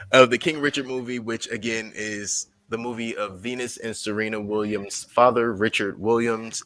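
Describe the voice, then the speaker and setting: A man's voice: lowish voice, a bit bright, poor audio. A man hosting a casual movie review podcast, rambling and laughing with his co-hosts. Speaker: podcast host.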